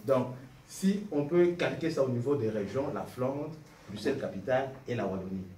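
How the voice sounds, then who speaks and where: With lively intonation, a darkish tone and an ordinary speed, a mid-range male voice makes an unscripted, argumentative and earnest case from the floor of a political meeting. He's a party member, recorded indoors in a roomy, noisy meeting hall from a distance.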